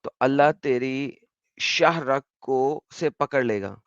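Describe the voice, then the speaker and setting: A man hosting a heated debate, pressing his points in rapid bursts and citing verses by number. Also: medium pitch, clear, resonant tone, dry recording. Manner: pressing, rapid-fire arguing, quoting chapter and verse. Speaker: debate host. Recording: dull, dry lo-fi audio.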